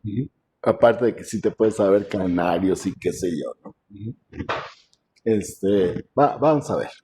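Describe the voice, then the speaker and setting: Guy professor on a video call, low mellow voice, lots of um and este, keeps clearing his throat, slight hiss. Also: animated, measured pace. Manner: conversational, many fillers, frequent throat clearing. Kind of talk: online class lecture.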